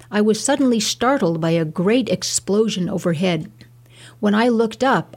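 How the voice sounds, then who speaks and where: A woman reads a scripted, measured, explanatory reflection in the manner of a nature documentary. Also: mid-range voice, darkish tone. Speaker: presenter of a spoken reflection series.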